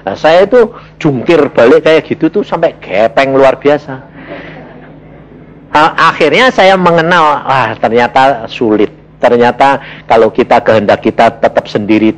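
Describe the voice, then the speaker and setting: Animated male preacher, lively pitch. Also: a little slow, low-quality recording. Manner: animated storytelling, acts out his own dialogue with God in high shouts. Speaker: evangelist preacher. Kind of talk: sermon.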